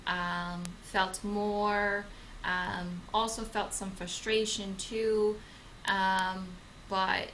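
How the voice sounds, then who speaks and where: A woman's voice: medium pitch, fairly bright tone, slight background noise, poor audio. A young woman co-hosting a channel, introducing herself in casual talk with many hesitant fillers and restarts. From Okinawa, Japan; grew up in the United States. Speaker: channel co-host. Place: home in Madrid.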